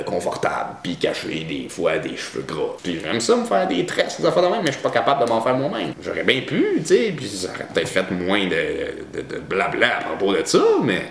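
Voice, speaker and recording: A man's voice: mid-range voice, roomy sound. A young man with a Québécois joual accent ranting casually to camera, rambling with many restarts. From Abitibi, Quebec. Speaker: vlogger. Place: house, visiting his mother.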